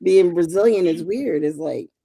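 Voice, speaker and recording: Another co-host of the scrapbooking livestream has a fairly low, gravelly, husky voice at a moderate pace, recorded without echo. She keeps the crafting chat casual and full of jokes, drifting into murmurs mid-task.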